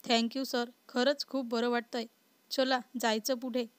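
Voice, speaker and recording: A woman voicing a lively, outspoken young woman in a story, close to her own reading voice. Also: fairly high pitch, measured pace, clean tone, no room sound, lightly acted. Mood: cheerful.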